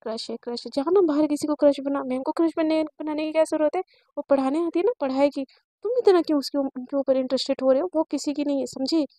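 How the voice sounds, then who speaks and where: A woman's voice: high-pitched, quick pace, dark tone, dry recording, lightly acted. A woman voicing a tough, bossy young woman student who talks bluntly and threatens. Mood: scolding.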